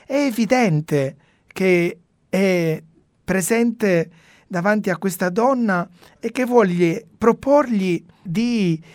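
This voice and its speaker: A woman commenting on the Gospel for a radio audience in a reflective sermon style, with pauses and fillers. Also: medium pitch, no room sound, studio quality.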